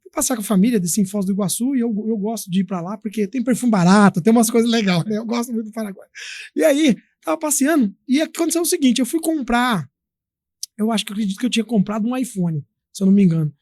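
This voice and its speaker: A man from Brazil, a guest in an interview, telling a story in a lively, chatty way with many fillers. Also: high-pitched, quick pace, no echo. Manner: animated, acts out quoted voices, many fillers. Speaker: guest, company founder.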